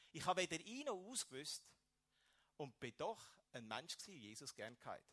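A man's voice: a little high, a bit bright. A man with a Swiss German accent telling his personal faith testimony to an audience, emotional and with emphatic bursts. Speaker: speaker giving a personal testimony.

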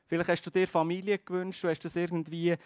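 A man preaching a sermon, earnest, speaking straight to his congregation and slowing on key phrases. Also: high-pitched, level tone, a little mellow, smooth, no room sound, clean studio sound. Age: adult with a child.

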